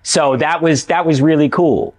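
A middle-aged man from California, an actor and writer talking as a guest in a casual studio interview, animated and full of "you know what I mean". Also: fairly high pitch, normal speed. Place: indoor studio with dark backdrop.

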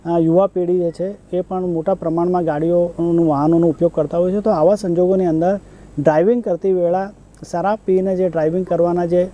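A man hosts a news discussion. He puts questions to his guest and the viewers in a formal, polite way. His voice is high yet very mellow and dark in tone. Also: steady tone, a little fast, rough recording. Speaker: show host.

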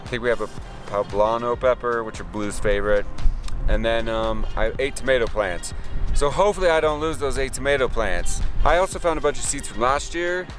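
Outdoors in a garden, an American gardening vlogger in his thirties chats casually to camera in an easygoing, rambling way. His mid-range voice is a bit bright and a little fast, with faint music in the background.

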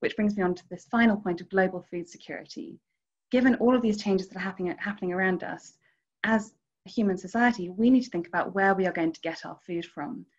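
A woman's voice: mid-range voice, fast talker. A woman in her thirties moderating an online panel from home, friendly and hesitant with many ums. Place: living room at home. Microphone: video call, laptop camera. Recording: dull video call audio.

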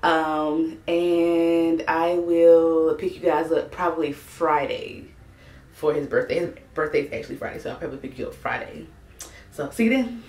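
Chatty young mom, echoey room. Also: female voice, deep voice, flat delivery, moderate pace, a little mellow. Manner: chatty, loose, full of "like" and "um" fillers. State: a bit of morning voice. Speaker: parenting vlogger. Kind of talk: casual vlog chat to camera. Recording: echoey room, faint background noise.

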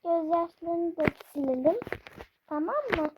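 A girl voicing a gentle young mother who comforts her child again and again in a game role-play. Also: extremely high pitch, fairly even intonation, a little slow, lo-fi sound. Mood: soothing. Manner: reassuring, repetitive comforting. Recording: noisy home recording.

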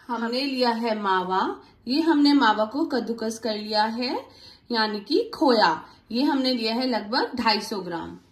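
A bright, lively young woman talks viewers through a home recipe step by step, friendly and chatty. Her fairly high voice rings in an echoey kitchen. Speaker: cooking channel host. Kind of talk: home cooking tutorial.

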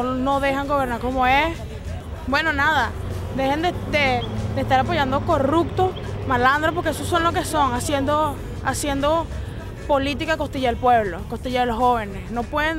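A young woman student in a street interview, speaking earnestly with hesitant restarts into a handheld microphone outdoors. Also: high-pitched. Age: young adult. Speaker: university student. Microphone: handheld reporter mic.

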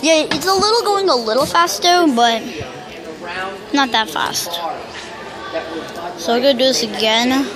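A youngster who can't pronounce R's, saying w instead, rambling loudly through casual gameplay commentary. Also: sits high, measured pace, long pauses, a crowd in the background. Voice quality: speech impediment, cannot say R's correctly, says w for r. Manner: rambling, self-described loud talker. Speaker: YouTuber.

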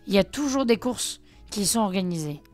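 A woman's voice: mid-range voice, animated, fairly quick, lightly acted. A woman voicing a boastful male mechanic, reading game dialogue aloud in her own voice. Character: boastful male mechanic handing over a gadget. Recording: faint music behind.

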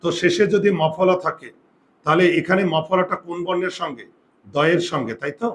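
A man's voice: a little high, a bit bright. A man teaching a Bengali grammar class, explaining step by step and asking students whether they follow. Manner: drawn-out, emphatic pronunciation of example words. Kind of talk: classroom lesson.

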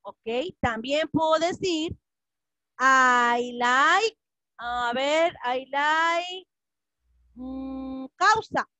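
A woman's voice: sits high, extremely slow, pushed and bright, no echo. A woman teaching English to children, patiently repeating each phrase and translating it. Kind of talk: classroom lesson for children.

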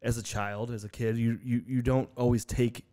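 A man's voice: medium pitch, level tone, moderate pace, dark tone. A man co-hosting a podcast in a studio, chiming in with easygoing, trailing remarks. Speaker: podcast co-host. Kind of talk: casual chat.

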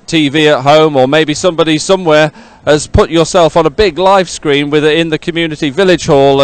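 A middle-aged man with a clean, medium-pitched voice presents live outdoors beside a regatta podium at a sports event. Speaking into a handheld mic, he chats and rambles, often repeating himself to fill time.

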